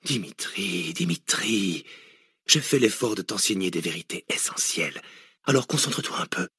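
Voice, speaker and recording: A male audiobook reader voicing a cynical, deranged hooded villain who lectures mockingly and erupts into shouts. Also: low-pitched, animated, normal speed, slightly rough, no room sound, clean studio sound, full character voice. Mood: taunting. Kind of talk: audiobook reading.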